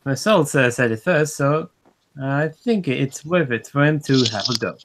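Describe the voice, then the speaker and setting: A man's voice: mid-range voice, lively intonation, a little slow, fairly bright tone. A man chatting casually on a livestream, hesitant and restarting often. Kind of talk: casual chat.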